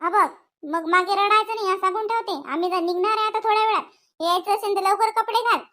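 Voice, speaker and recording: A voice actress playing a scolding mother in an animated cartoon. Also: very high-pitched, quick pace. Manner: scolding, coaxing.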